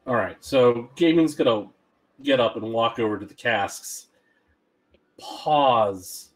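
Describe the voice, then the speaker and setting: A man's voice: mid-range voice, lively intonation, slow pace. A man playing a tabletop role-playing game, speaking casually and partly as his character. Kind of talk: casual role-play chat.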